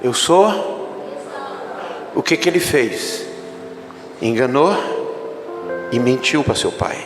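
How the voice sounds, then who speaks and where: A man's voice: mid-range voice, animated, measured pace. A Brazilian male pastor preaching a dramatic sermon, calling the congregation to repeat after him. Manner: dramatic, call-and-response preaching. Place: church hall. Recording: echoey hall with music behind.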